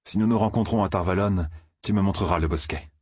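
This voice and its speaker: A man's voice: deep voice, fast talker, darkish tone, slightly rough, no room sound, clean studio sound. A man voicing a young male shepherd on the run in an audiobook, earnest and worried. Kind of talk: audiobook character reading.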